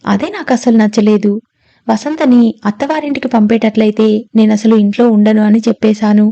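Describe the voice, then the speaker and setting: A woman's voice: a little high, fairly even intonation, moderate pace, dark tone, highs cut off, close to an everyday voice. A woman reading the part of a spirited young woman who protests emphatically in a storybook reading. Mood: indignant.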